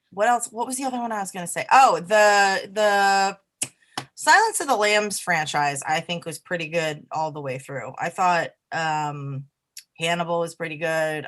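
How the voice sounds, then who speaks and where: A woman with a somewhat low voice chats loosely on a podcast panel. She is blunt and jokey, and she trails off while she searches for names. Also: a bit bright. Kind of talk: casual chat.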